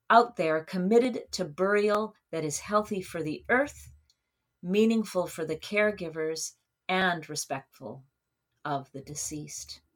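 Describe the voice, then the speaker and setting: A woman reading a personal memoir aloud in a measured, earnest way, her phrases trailing off softly at the ends. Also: on the low side. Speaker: narrator.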